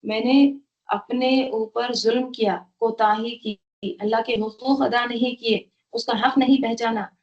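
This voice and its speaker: A woman's voice: fairly high pitch, fairly even intonation, measured pace. Woman teaching a Quran lesson, lo-fi. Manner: explains word by word, checks in with "right?". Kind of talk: tafseer lesson. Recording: dull lo-fi sound.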